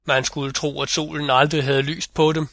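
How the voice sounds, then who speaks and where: A man's voice: on the high side, flat delivery, a bit bright, dry recording, studio quality. A man voicing the boastful male North Wind in a fairy-tale audiobook reading. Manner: boastful, vivid storytelling.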